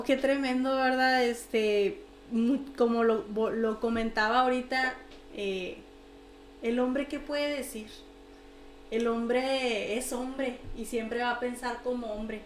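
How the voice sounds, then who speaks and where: A woman hosting a radio interview, giving short affirmations and speaking slowly and unhurriedly. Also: a little high, steady tone, reverberant, slight background noise. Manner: brief listening affirmations, slow unhurried talk. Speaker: radio host. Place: radio studio.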